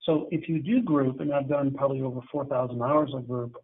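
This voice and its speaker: A man's voice: mid-range voice, steady tone, fairly quick, husky. A middle-aged man, a therapist, giving a candid, conversational webinar lecture on addiction treatment. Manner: candid, conversational, acts out client dialogues. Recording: tinny phone-like webinar audio.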